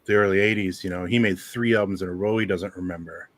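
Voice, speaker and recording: Relaxed low-voiced radio host rambling. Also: male voice, quick pace, no echo. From Southern Ontario. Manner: relaxed, rambling, lots of ums. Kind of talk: casual livestream chat.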